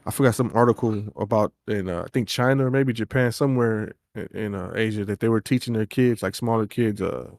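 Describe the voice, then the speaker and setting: A man's voice: fairly low pitch, fairly quick, few pauses, a little mellow, no room sound, clean studio sound. Hesitant man in casual chat. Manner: loose, hesitant, lots of uh and like. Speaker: podcast co-host.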